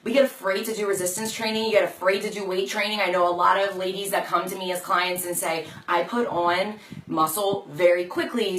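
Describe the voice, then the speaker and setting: A woman with a hoarse, fading voice, chatting casually and encouragingly to viewers as a fitness coach on a live video. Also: on the low side, a bit bright. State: hoarse, losing her voice. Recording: echoey room, distant mic, some noise.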